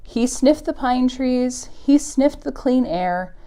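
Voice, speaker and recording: A high-pitched, animated woman speaks slowly in a mellow, clean tone. She hosts a preschool storytime and reads to small children, speaking to them directly in simple, encouraging phrases with an exaggerated sing-song emphasis.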